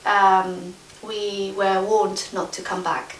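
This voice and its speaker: A woman in her forties from Afghanistan, answering interview questions about her life hesitantly, with many pauses and fillers. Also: medium pitch, flat delivery, roomy sound, far from the mic, poor audio. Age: 40s. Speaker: interview guest, trainee documentary filmmaker. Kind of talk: casual interview chat. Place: large room in a castle.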